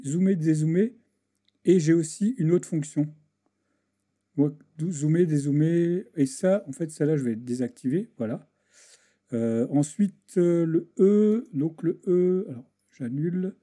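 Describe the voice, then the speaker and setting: A man giving a casual software tutorial over a screen recording, hesitant and full of restarts as he clicks through settings. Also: fairly high pitch. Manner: hesitant, many restarts and fillers, talks while clicking. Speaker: video editing tutor.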